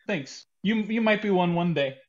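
An improv performer playing a ridiculously tall, self-assured champion boxer in a comedy scene. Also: male voice, high voice, animated, moderate pace, lo-fi sound. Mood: gracious. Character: absurdly tall proud champion boxer, man.

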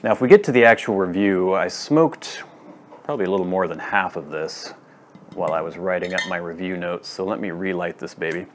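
A man in his thirties giving a casual, deliberate review to camera, laying out his points in short phrases. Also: deep voice, a little hiss or hum. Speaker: pipe tobacco reviewer. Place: wood-floored room at home, indoors.

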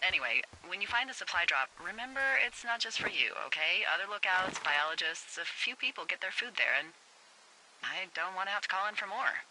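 A woman's voice: fairly low pitch, lively intonation, a little fast, pushed and bright, slight background noise, poor audio. A woman voicing a teasing, dry-humored fire lookout supervisor talking over a radio in a video game. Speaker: game character.

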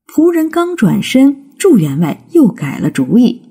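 Brief: woman narrating a folk storybook, slow and lively in pitch, mellow husky tone. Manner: slow, expressive reading.

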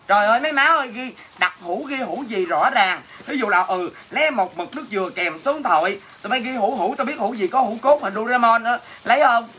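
A woman's voice: fairly high pitch, animated, a little fast, hardly any pauses, fairly bright tone, slight background noise. A woman with a Southern Vietnamese accent hosts a casual livestream sale, teasing viewers with brash, crude jokes as she answers comments. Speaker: livestream host selling goods. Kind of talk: casual livestream sales chat.

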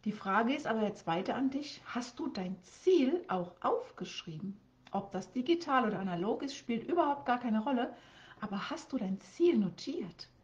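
A woman with a fairly high voice talks viewers through their life goals on a live stream. She coaches by asking question after question, often repeating words and starting sentences over. The sound is dull and lo-fi. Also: lively intonation, moderate pace.

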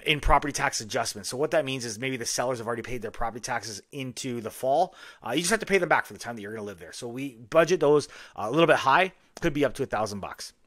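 A man in his forties, a mortgage agent, walking viewers through a screen share in a brisk, salesy, explanatory way. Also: medium pitch, a bit bright, dry recording, studio quality. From Canada.

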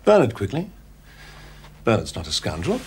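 An actor playing an earnest man who is quick to indignation. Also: lowish voice, huge pitch swings, a little hiss or hum. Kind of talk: period TV drama acting.

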